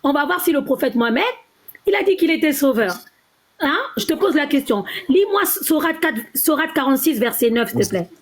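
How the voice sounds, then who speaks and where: A woman's voice: high-pitched, lively intonation, normal speed. A woman debating in a live online call, pressing her point and repeating her questions insistently. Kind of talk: heated live-stream debate.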